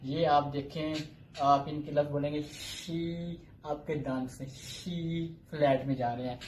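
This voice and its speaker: A man teaching a recorded language lecture, slowly drilling single sounds and repeating and explaining each one. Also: on the high side, steady tone, slight background noise. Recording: echoey room.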